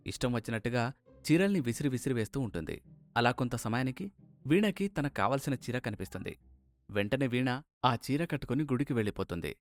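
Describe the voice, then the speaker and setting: A man giving scripted narration for a cartoon moral story, steady and plain. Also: medium pitch.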